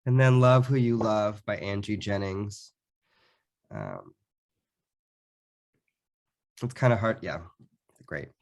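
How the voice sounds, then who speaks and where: A man giving a slide presentation about a public art program, his voice sick, talking haltingly with frequent ums and restarts. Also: on the low side, lively intonation, vocal fry, a little mellow.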